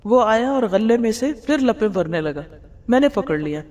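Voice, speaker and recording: A woman's voice: fairly high pitch, expressive, a little mellow. A woman teaches a religious lesson in an explanatory way. She asks her listeners rhetorical questions and drops English words into her speech. Her voice carries a long reverb, as in a large hall. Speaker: Islamic teacher. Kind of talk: religious lecture explaining hadith.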